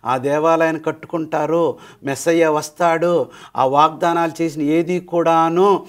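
Middle-aged male Bible teacher, slightly high voice, animated storyteller who drops in English phrases. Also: measured pace. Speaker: Bible study guest teacher. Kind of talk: Bible study discussion.

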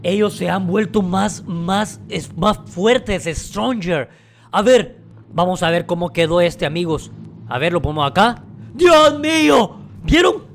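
A man giving excited gameplay commentary, with frequent dramatic, startled shouts. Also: high voice, a little slow, slight background noise. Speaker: gaming YouTuber.

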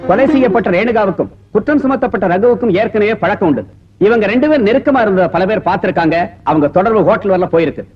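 An actor playing a public prosecutor, brisk and insistent, questioning a witness in a film courtroom scene. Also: male voice, high voice, lively intonation, far from the mic, highs cut off.

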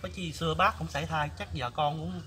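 A man's voice: fairly high pitch, fairly even intonation, brisk, a little hiss or hum. A man playing a chatty, nosy older village flower seller woman with a Southern Vietnamese accent, exclamatory and gossipy in a comedy skit. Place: outdoors in a palm garden. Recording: loud background music.

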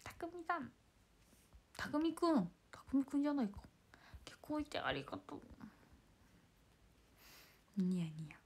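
A young woman with a hoarse, worn-out voice, chatting casually on a livestream and thanking fans by name. She slips back and forth between bright greetings and breathy half-whispers. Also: high voice, very animated, unhurried, pauses often. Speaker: idol livestream host. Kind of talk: casual livestream chat reading fan comments.

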